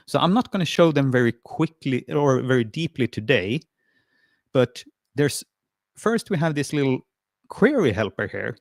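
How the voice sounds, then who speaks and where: Here a Swedish-born man with Swedish as his mother tongue presents a screen-share tutorial during a video call. His mid-range delivery is friendly and encouraging yet hesitant, peppered with fillers and false starts, captured as a dry, studio-quality recording.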